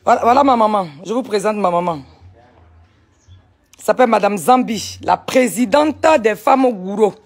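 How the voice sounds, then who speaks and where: A woman, vlogging casually from a sunny village outdoors on a handheld phone, animated and talkative, firing back at critics. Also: medium pitch, moderate pace. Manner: animated, chatty, retorts to critics. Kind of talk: casual vlog tour.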